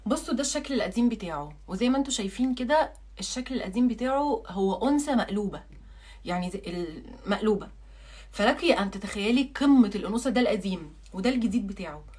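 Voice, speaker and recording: A young woman with an Egyptian Arabic accent, a beauty blogger selling perfumes in a casual vlog, talking in an animated, jokey way and repeating words for emphasis. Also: fairly high pitch, fast, slightly rough.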